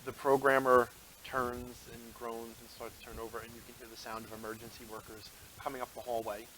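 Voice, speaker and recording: A man narrating as game master of a tabletop role-playing game, playful and quick to laugh. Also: mid-range voice, little pitch movement, noisy background.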